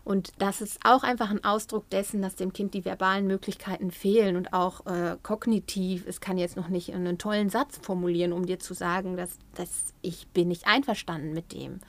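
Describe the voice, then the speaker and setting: A woman giving parenting advice in a lively way, acting out what parents and children say. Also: mid-range voice, moderate pace, few pauses. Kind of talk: advice talk.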